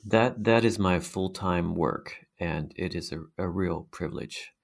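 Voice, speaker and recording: A man's voice: deep voice, a little slow, vocal fry. A middle-aged man with a hypnotic, mesmerizing voice, answering interview questions conversationally as a guest researcher.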